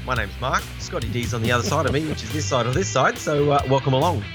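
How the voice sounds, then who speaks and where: A man's voice: medium pitch, quick pace, music in the background. An Australian man, a vlogger, co-hosting a casual chat with a joking, dry humour and easy laughter. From Australia (Tasmania). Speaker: vlogger and co-host.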